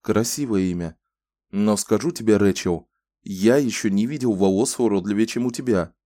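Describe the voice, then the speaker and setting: A man's voice: lowish voice, normal speed, dark tone, close to an everyday voice. A man playing a blunt, teasing grown man. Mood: friendly. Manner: frank, teasing. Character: blunt, good-natured grown man, joking.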